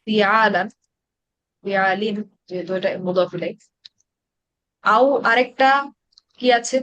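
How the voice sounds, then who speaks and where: A woman's voice: medium pitch, slow, a bit bright, dry recording, highs cut off. A woman teaching an Arabic grammar class in Bengali-accented speech, explaining patiently and asking her students questions. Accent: Bangladeshi Bengali.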